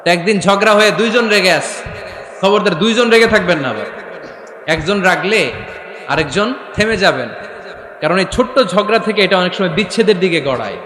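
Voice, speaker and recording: A man preaching a lively waz sermon, asking the crowd questions and acting out voices, recorded through a PA system a lot of echo. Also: high-pitched. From Bangladesh. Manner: animated, acts out voices, asks the crowd questions. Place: outdoor religious gathering with PA system. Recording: echoey, long reverb from the PA.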